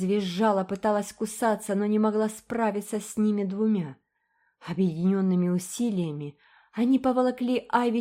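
A woman reading a children's story aloud, lively and expressive. Her voice sits mid-pitch for a woman and moves with the events. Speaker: audiobook reader. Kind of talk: storybook narration.

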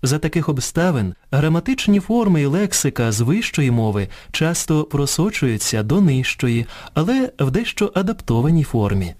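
Lively, higher-voiced male radio presenter. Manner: measured reading that contrasts correct and incorrect forms one by one. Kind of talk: scripted educational radio narration. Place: radio studio.

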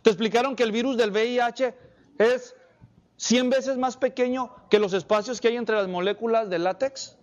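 Male preacher, high-pitched, lively sermon delivery that fires questions at the listeners; slightly muffled recording. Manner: animated, asks the congregation many questions.

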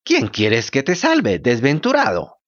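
A man's voice: huge pitch swings, measured pace, a bit bright, lo-fi sound, exaggerated voice. A man voicing a cracked-voiced old tuna. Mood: resigned. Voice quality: cracked, booming voice. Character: old male tuna, philosophical and resigned.

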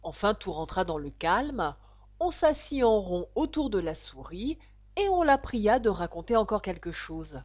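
A woman narrating an audiobook with expressive storytelling. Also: mid-range voice, unhurried, dry recording.

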